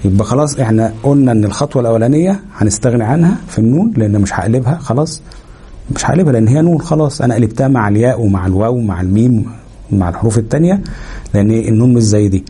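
A husky Egyptian man talks quickly through a recitation lesson. His voice is very dark and mellow. Every so often he slows right down to stretch a nasal hum and show how it should sound. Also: medium pitch. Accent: Egyptian Arabic. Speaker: Quran recitation teacher. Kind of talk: explanatory lesson.

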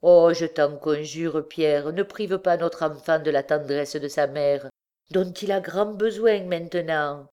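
A woman's voice: sits low, unhurried, warm tone, clear, resonant tone. A woman voicing a desperate mother who pleads with her bandit husband, speaking emotionally and breathlessly. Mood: pleading.

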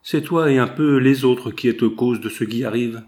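A man's voice: normal speed, a little mellow, close to an everyday voice. A man voicing a jealous, bitter working-class husband in an audiobook, his lines pleading and brooding. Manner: pleading then brooding, low grumbling. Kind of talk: audiobook dialogue reading.

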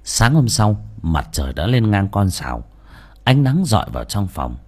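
Husky guy telling a spooky village story, super animated pitch. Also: normal speed. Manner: lively, colloquial, dramatic. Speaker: audiobook narrator. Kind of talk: storytelling narration.

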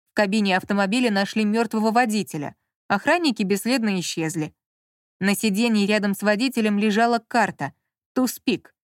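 A woman's voice: mid-range voice, dry recording. Woman narrating an audiobook, dry.

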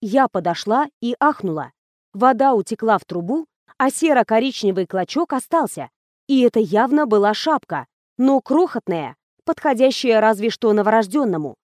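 A woman narrating a first-person audiobook with wry, conversational irony. Her voice sits fairly high and moves in a lively way. The reading is dry and close to the mic. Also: moderate pace, no echo.

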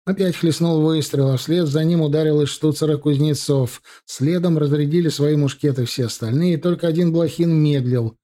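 A man narrating an audiobook in a measured, even way. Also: a little high.

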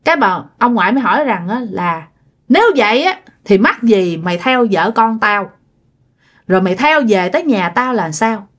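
A woman's voice: medium pitch, animated, moderate pace. Chatty woman storyteller. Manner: chatty, addressing listeners directly. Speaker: storyteller host. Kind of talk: casual ghost-story narration.

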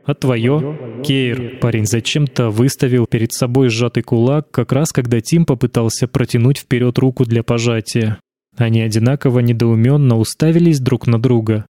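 A man narrating a fantasy audiobook in a steady, even storytelling manner. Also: medium pitch, a little fast, dry recording, studio quality. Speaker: audiobook reader. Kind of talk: scripted narration.

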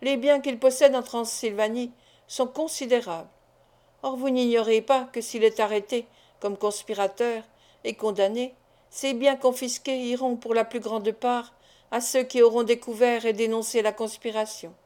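A woman's voice: fairly high pitch, steady tone, normal speed, dark tone, lightly acted. A woman reading the lines of a scheming male agent who insinuates and threatens, in an audiobook.

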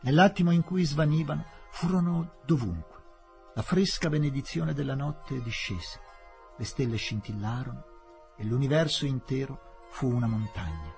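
A man reading a novel aloud for radio in a measured, expressive manner. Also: medium pitch, vocal fry, faint music behind. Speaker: audiobook reader.

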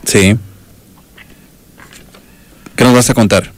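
A man's voice: on the low side, fairly even intonation, slow pace. A man with a Mexican accent hosting a call-in radio show, prompting the caller with short encouraging replies. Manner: brief encouraging backchannels to a caller. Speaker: radio host.

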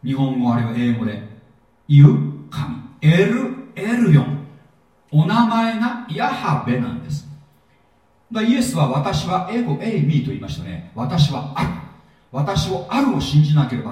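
A man teaching a sermon-style Bible seminar, lively and jokey, often asking his audience questions, recorded in a hall. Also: a little high, moderate pace. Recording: echoey hall, mic at a distance.

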